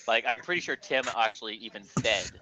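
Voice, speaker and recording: A man's voice: mid-range voice, animated, fast talker, a crowd in the background. A man running a tabletop role-playing game as game master, talking casually and full of filler words. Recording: slightly muffled lo-fi recording.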